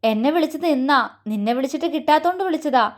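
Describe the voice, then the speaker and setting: A woman voicing a gentle, soothing young man. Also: high-pitched, lively intonation, fast talker. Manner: soothing, reassuring. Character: gentle young man comforting his sister.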